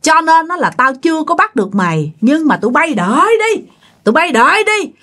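A woman's voice: sits high, sing-song, fairly quick, fairly bright tone. A woman voicing a furious, vengeful female ghost, shrilly hurling accusations at the family that wronged her. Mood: menacing.

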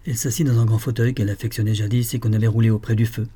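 A man narrating a nineteenth-century novel aloud in a measured, dramatic storytelling manner. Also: on the low side, level tone, warm tone, husky. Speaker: audiobook narrator. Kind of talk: scripted literary narration.

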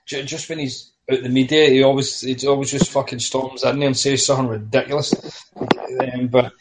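A man in a casual group chat, talking excitedly and swearing freely. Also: medium pitch, fairly quick, heavy background noise. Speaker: podcast panelist.

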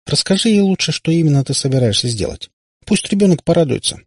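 A man's voice: on the high side, expressive, quick pace, breathy edge, no room sound, studio quality, voice pushed up. Man putting on a cheeky young witch girl. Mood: mocking. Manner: snarky, blunt.

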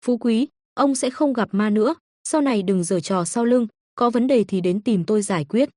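A woman's voice: fairly high pitch, mellow, dry recording, studio quality, lightly acted. Woman voicing a cool aloof young mystic. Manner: cool, curt, unhurried. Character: calm young female master of the occult, cool and aloof.

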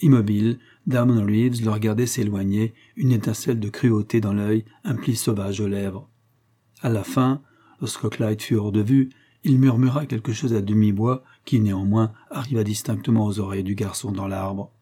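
Low, dark-voiced male narrator. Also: fairly even intonation, normal speed, breathy edge. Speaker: audiobook narrator. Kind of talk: scripted narration of a Western novel.

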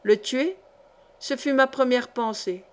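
A woman's voice: sits high, slow pace. Woman reading a brooding vengeful nobleman. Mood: anguished. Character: embittered vengeful nobleman, middle-aged man. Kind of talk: audiobook character reading.

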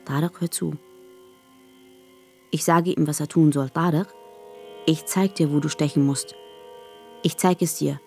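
An actress narrating in first person as a wounded, desperate young woman in a radio drama, speaking in halting, short, fragmented phrases. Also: low voice, steady tone, creaky, a little mellow, faint music behind. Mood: pleading. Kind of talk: scripted radio drama monologue.

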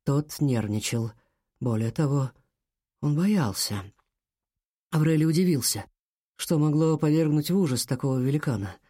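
A man narrating a children's adventure audiobook in a measured storytelling delivery. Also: on the high side, lively intonation, mellow, dry recording, clean studio sound.

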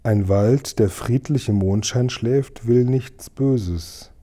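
A man's voice: medium pitch, slow. A man voicing a sad, tender old king speaking lovingly to his son in a storybook reading. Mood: sorrowful. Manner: soft, sorrowful, loving.

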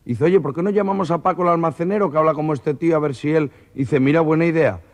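A man's voice: on the high side, fast, a little mellow. A man with a Spanish accent telling jokes on an old cassette recording, acting out characters with nasal comic voices. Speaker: comedian. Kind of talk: stand-up joke telling.

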